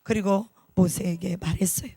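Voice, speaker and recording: A man's voice: sits high, steady tone, normal speed, vocal fry, warm tone, slightly rough, dry recording, clean studio sound. A man preaching a sermon as pastor, emphatic, repeating key words and putting rhetorical questions to the congregation.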